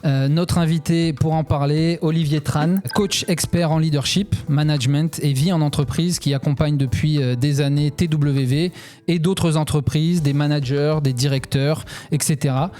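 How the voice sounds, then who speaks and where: A man hosts a podcast discussion in a relaxed way, with frequent hesitations and loose phrasing. His voice sits a little high yet sounds mellow and warm. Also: moderate pace, faint music behind. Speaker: podcast host. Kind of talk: casual hosting.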